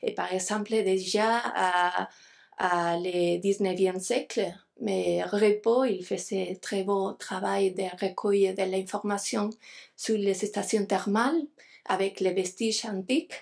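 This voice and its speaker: A woman's voice: mid-range voice, steady tone, slow pace, creaky, darkish tone. A woman with a foreign accent in French, a non-native speaker giving an academic lecture, hesitant as she searches for words. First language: not French.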